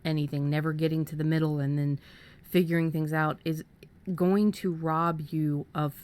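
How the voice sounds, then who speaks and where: A woman with a deep, smooth, slightly mellow voice speaks at a normal pace in a level tone. She co-hosts a podcast, offering casual yet earnest writing advice, often stumbling and repeating words along the way.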